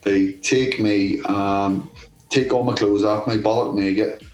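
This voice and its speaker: A middle-aged man with a low voice tells a rowdy story as an interview guest. He swears freely and chuckles his way through it, with faint music underneath. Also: fairly even intonation, slow pace, darkish tone, dull audio. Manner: profane, laughing storyteller. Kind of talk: casual anecdote telling.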